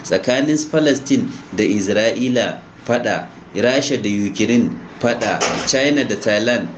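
A man with a Hausa accent talks in a medium-pitched voice on an amateur recording with slight noise behind him. He comments informally and switches between languages. His manner is emphatic, pressing his points with rhetorical questions. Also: a little slow. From Nigeria. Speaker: online crypto commentator. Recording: noisy amateur recording with background ambience.

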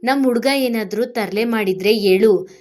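A woman voicing a joking, friendly young man, the groom's close friend, in a spoken storybook, talking quickly. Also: on the high side, darkish tone, lightly acted.

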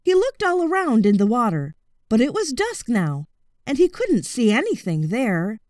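A woman narrating a children's audiobook in an expressive, measured storytelling manner. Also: on the high side, no echo, studio quality.

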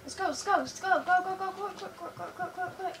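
A girl with a very high, fairly bright and slightly croaky voice chats rapidly while co-hosting a building game, repeating words under time pressure. She's in a living room in front of a TV, talking casually. A phone camera filming the screen picks her up from a distance, with room noise in the background.

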